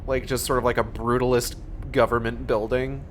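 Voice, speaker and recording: A man's voice: mid-range voice, level tone, normal speed, a little hiss or hum. A man giving sarcastic, sweary running commentary on a game. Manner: sardonic, sweary. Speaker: game streamer.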